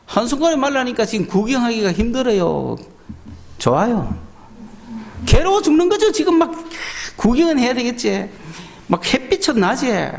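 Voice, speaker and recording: Animated Gyeongsang pastor preaching. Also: male voice, extremely high pitch, moderate pace, gravelly, pauses often. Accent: Gyeongsang Korean. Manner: animated storytelling, asks the congregation questions. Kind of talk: sermon.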